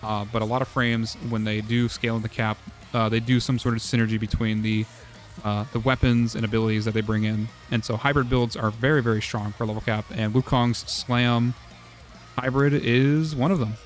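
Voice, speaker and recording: A man streaming casual game strategy talk, hoarse from losing his voice, rambling with many "uh"s and "like"s. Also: medium pitch, fairly even intonation, moderate pace, soft background music. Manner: rambling, full of "uh" and "like".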